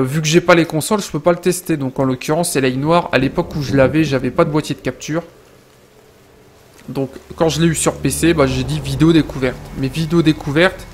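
A young man giving casual let's-play commentary, rambling to his viewers and breaking into loud exclamations during fights. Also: mid-range voice, slight background noise. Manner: chatty, rambling, addresses viewers directly. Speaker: gaming video creator.

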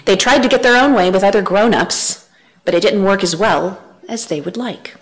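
At normal speed and in a mid-range voice, a thirties-aged woman addresses a church congregation from a lectern, wearing a headset mic. Her delivery is earnest with varied emphasis, and she gestures animatedly while speaking.

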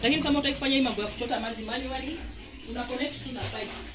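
Her voice is high-pitched and racing: a Kenyan woman vlogging a casual how-to from her small home laundry area. Holding her phone camera, she chats, points things out, and switches between Swahili and English, all over the noise of running water.

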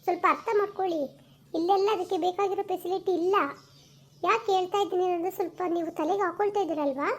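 A woman acting as a brisk female doctor at a small village clinic, urgent and repetitive as she pushes her point. Her voice sits very high and moves fast, and she keeps circling back to the same instruction in this homemade skit. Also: fairly even intonation. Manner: urgent, insistent, repeats instructions.

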